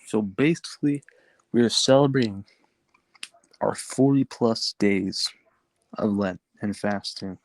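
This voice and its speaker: A man's voice: lowish voice, a little slow, long pauses, a little hiss or hum. A young man co-hosting a casual podcast in a rambling way, his speech slightly impeded by the retainer he is wearing. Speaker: podcast co-host.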